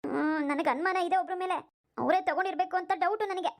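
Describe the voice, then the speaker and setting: A woman's voice: very high voice, quick pace. A woman voicing a vain, quarrelsome young daughter-in-law in a cartoon. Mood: suspicious. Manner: accusing, indignant. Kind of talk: cartoon voice acting.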